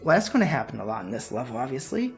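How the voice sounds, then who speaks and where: A man giving relaxed, chatty commentary while playing a video game, his voice wearing out. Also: mid-range voice, very fast, vocal fry, soft background music. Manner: relaxed, chatty, laughs at his own mistakes. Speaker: let's play gamer. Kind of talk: casual gameplay commentary.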